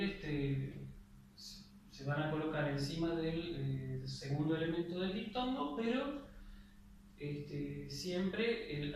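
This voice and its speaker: A young man with an Argentine Spanish accent gives a classroom lecture in a slightly high voice, explaining patiently and checking in after every point. The room is very echoey, he sounds far from the mic, and a faint hiss runs underneath.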